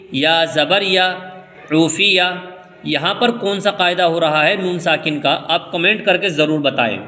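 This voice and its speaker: Guy from india teaching quran reading, kinda high voice, spells letters slow then rushes the rules. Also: pushed and bright, big-room sound. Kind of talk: step-by-step recitation lesson.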